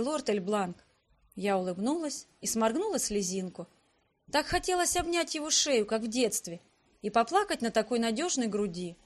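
A woman narrating a first-person fantasy audiobook with expressive, lively reading. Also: on the high side.

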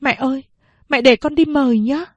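A woman's voice: sits high, moderate pace, no room sound, highs cut off, voice pushed up, natural voice. A woman reading aloud, voicing a determined young mother who speaks earnestly. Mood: pleading.

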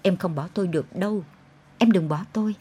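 A man's voice: high-pitched, a little fast, warm tone, husky. A woman narrator voicing a desperate, manipulative man who threatens and begs, in an audiobook. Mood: pleading.

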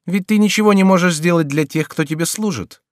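A man's voice: high-pitched, a little fast, no echo, clean studio sound, voice pushed up, close to an everyday voice. A man voicing a sardonic male court jester who teases and scolds a king in an audiobook. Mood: mocking.

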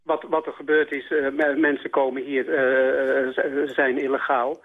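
A man's voice: mid-range voice, level tone, normal speed. A male radio caller arguing his opinion over the phone, hesitant and full of fillers and restarts. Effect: phone line. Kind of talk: call-in opinion debate. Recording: tinny phone line.

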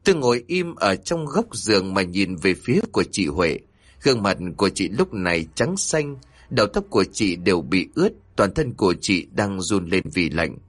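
A man narrating a scripted horror story in a dramatic, expressive way. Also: sits low, moderate pace, slightly rough, no echo.

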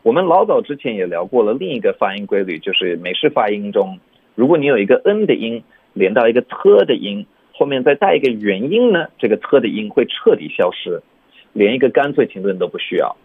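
A man teaching English pronunciation on a radio program, explaining patiently and sounding words out slowly. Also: on the low side, big pitch swings, slightly rough. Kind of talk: radio lesson chat. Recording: narrow phone-like sound.

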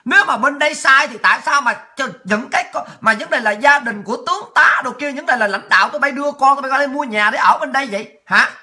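A woman hosting a political livestream, ranting in fury, hurling insults and often shouting. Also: sits high, fast talker, hardly any pauses. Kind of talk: angry political rant.

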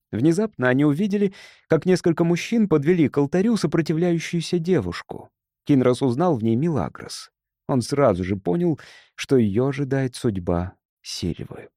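A man's voice: mid-range voice, dark tone, no echo. A man narrating an adventure audiobook in a dramatic, tense storytelling manner, close to the mic. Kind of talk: scripted narration.

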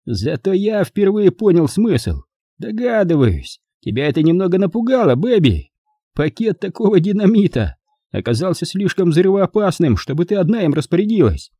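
A man's voice: sits high, very animated, normal speed, mellow, slightly rough, dry recording, clean studio sound, voice pushed up, full character voice. A man reading an audiobook, voicing a sneering young man with a gun who mocks and drawls in a nasty way. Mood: mocking. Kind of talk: audiobook character voice.

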